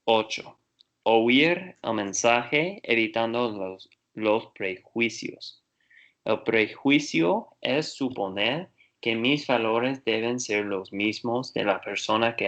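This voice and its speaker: A man practicing Spanish as a learner, reading in a slow, careful, deliberate way. His voice sits mid-range, and the audio comes through slightly dull over a video call. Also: medium pitch, a bit bright. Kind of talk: reading aloud and asking questions in a lesson.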